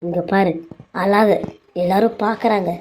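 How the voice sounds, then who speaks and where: A woman's voice: mid-range voice, fairly even intonation, moderate pace, darkish tone, a little hiss or hum, lightly acted, low-quality recording. A woman voicing a caring older sister figure who scolds and consoles a younger wife in a family serial drama. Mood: consoling.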